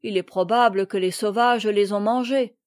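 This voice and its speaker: A woman's voice: mid-range voice, fairly even intonation, normal speed, no room sound, studio quality, lightly acted. A woman reading the lines of a blunt, sulky young boy in a storybook.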